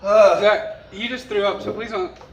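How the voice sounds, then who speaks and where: A man's voice: high voice, steady tone, unhurried, gravelly. A man hosting a casual chat with his mouth burning from spicy food, apt to cough and chuckle. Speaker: host. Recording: echoey room, distant mic, faint noise.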